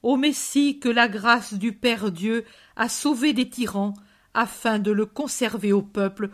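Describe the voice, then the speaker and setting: A woman's voice: on the high side, measured pace, natural voice. Compassionate male preacher, solemn and exhorting, read by a woman.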